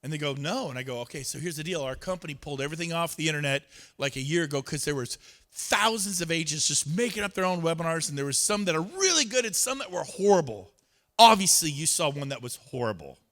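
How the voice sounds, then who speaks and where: A real estate speaker on an event stage delivers a motivational talk, acting out both sides of his conversations with other people. His voice is a little high and a bit bright, swinging widely in pitch as he talks fast.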